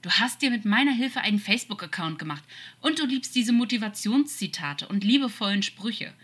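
A woman's voice: low-pitched, completely flat delivery, normal speed, sharp tone, breathy edge, heavily acted. A woman voicing a hurt, sarcastic male demon who hisses, pleads and jokes through his worry, in an audiobook fan-fiction reading. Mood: pleading. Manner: hissing, pleading, forced joking.

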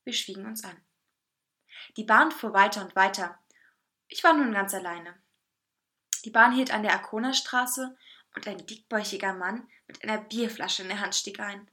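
A woman reading a first-person story aloud with lively, expressive narration. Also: medium pitch, normal speed, long pauses.

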